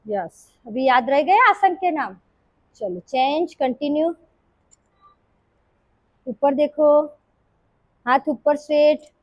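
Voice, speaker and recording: Brisk high-voiced woman yoga teacher. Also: expressive, dull audio. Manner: brisk, commanding cues mixing Hindi and English. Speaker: yoga instructor. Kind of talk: live class instruction, calling poses.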